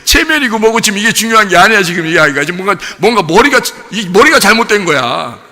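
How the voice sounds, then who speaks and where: A male pastor preaching a sermon in a lively way, asking rhetorical questions and laughing along. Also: high voice, fast. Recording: long hall reverb.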